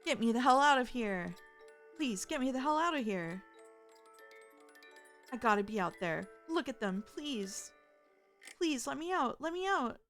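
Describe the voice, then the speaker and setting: A woman's voice: fairly high pitch, expressive, measured pace, pauses often, fairly bright tone. A frightened, suffering girl from a video game, acted out by a woman. Her voice is raised, strained and pleading as she begs desperately. Music sits behind it. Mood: desperate, trapped. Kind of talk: video game dialogue read-aloud.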